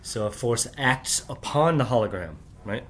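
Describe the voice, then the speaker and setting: In an expressive, somewhat bright mid-range voice at a moderate pace, a middle-aged channel host talks to the camera alone late at night. He rambles, frequently asking "right?", and stays quiet so as not to wake his family.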